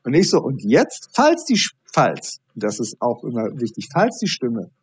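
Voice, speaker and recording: A man, a high performance coach, talking as a podcast guest and acting out dialogue while he tells stories. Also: moderate pace, husky. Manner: animated storytelling, acting out dialogue.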